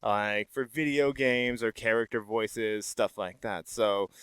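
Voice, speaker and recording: A man hosting a podcast, chatting casually with a guest in a relaxed, easygoing way and laughing a lot. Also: fairly low pitch, slow, clear, resonant tone, dry recording. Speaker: podcast host. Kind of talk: casual interview talk.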